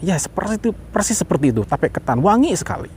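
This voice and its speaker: A man, a parent, talking casually to viewers about an experiment he ran at home, lively and rising in pitch as he gets excited, briefly acting out the words he spoke. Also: fast talker, slight background noise. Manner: acts out quoted voices mid-talk.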